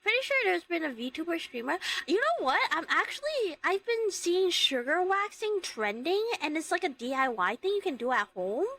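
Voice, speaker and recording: A woman hosting a livestream, chatting casually with viewers in a giggly, expressive, rambling way. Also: very high-pitched, moderate pace, few pauses. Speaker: livestream host, VTuber streamer. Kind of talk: casual chat with live viewers.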